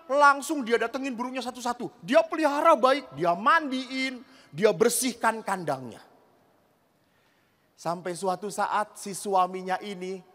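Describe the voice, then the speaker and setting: Animated man preaching in an echoing hall. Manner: storytelling, acting out characters with shifting pitch. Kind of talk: humorous sermon to a large congregation. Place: large event hall with a big audience. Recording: reverberant large hall.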